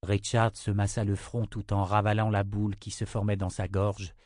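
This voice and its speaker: Low-voiced man reading a novel. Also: normal speed, no echo, studio quality. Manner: even, literary reading. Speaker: audiobook narrator. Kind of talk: scripted narration.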